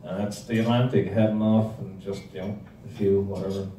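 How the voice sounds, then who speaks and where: An Irish man in his sixties, his voice lowish, steady and dark, talks briskly through a wry, rambling, funny history lecture for a club, illustrated with slides. He's in an indoor hall with a projection screen, using a handheld or stand mic. The audio comes from an audience camera, so it's distant and echoey with a noisy background.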